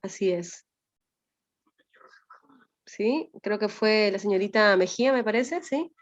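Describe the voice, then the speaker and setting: This Peruvian-accented woman teaches an online language lesson, explaining things one step at a time and often adding "¿no?" to check understanding. She talks slowly and expressively at a medium pitch, captured in somewhat dull, low-fidelity audio.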